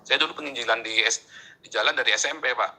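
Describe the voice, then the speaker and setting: Excitable, bright-voiced Indonesian man. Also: fast talker, low-quality recording. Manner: animated, voice jumps high when excited; peppers speech with "Pak". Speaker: interviewee. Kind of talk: emotional interview storytelling.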